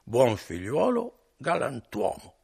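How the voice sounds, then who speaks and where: A man voicing a boastful, rowdy drunk young peasant, slurring and shouting in a high, loud voice. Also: huge pitch swings, takes it slowly, gravelly, breathy edge, exaggerated voice. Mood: sleepy drunk.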